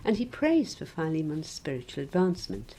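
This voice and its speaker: A woman preaching a sermon in a measured, gently wry reflective way. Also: deep voice, sing-song, slight background noise, low-quality recording.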